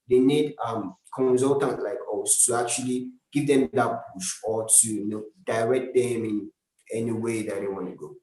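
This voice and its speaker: Nigerian man, brand strategist, earnest explainer, mid-pitched, echoey room. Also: warm tone. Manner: earnest and explanatory, with frequent restarts and tag questions. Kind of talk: live-stream interview answers.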